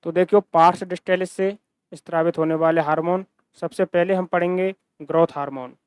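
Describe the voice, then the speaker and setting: A man records a classroom-style science lesson in a Hindi accent from Rajasthan, repeating core terms and asking questions only to answer them himself. The voice is high and smooth, the intonation fairly even, and he speaks a little fast. No echo is present.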